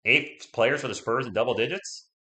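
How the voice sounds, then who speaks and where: Hoarse and losing his voice, a Spurs-supporting live-stream host gives casual play-by-play in a bright, forceful, medium-pitched voice at a moderate pace. Between plays he's chatty, reading viewer comments aloud, and his room has a noticeable echo.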